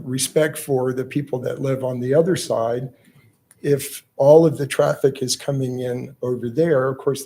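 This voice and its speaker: Hoarse guy at a town meeting, raspy, talks real slow with lots of pauses. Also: medium pitch, warm tone. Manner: halting, measured delivery with pauses. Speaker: resident speaking at public comment. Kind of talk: public comment at a planning meeting.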